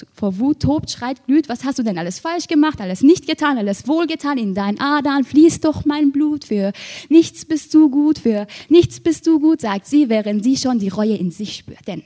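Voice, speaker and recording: Woman, spoken word poet, rhythmic rhyming delivery, fairly high voice. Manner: rhythmic, rhyming delivery with sharp swings between soft and loud. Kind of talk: performed slam poetry.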